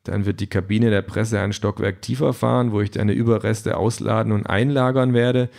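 A man voicing a dry, unflappable junk shop owner in a deadpan way. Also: on the low side, moderate pace, gravelly. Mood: matter-of-fact.

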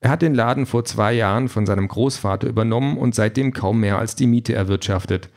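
A man's voice: fairly low pitch, brisk, vocal fry, darkish tone. A man narrating a short story with a dry, ironic delivery.

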